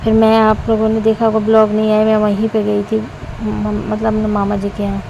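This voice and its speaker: A woman's voice: medium pitch, monotone, fairly quick, gravelly, dull audio, noisy background. A woman in her thirties narrating a casual vlog voice-over, rambling and chatty with many restarts. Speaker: vlogger.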